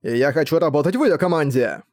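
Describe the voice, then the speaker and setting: A man's voice: fairly high pitch, expressive, quick pace, a little mellow, no echo, studio quality, close to an everyday voice. Man doing a smug teasing ex-villain. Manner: smug, flirty, mocking. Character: cocky teasing male ex-villain.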